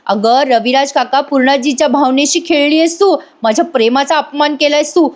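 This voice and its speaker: A woman's voice: sits high, moderate pace, lightly acted. A woman voicing a stern young husband. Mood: furious. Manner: stern, scolding. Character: young husband, angry then tender.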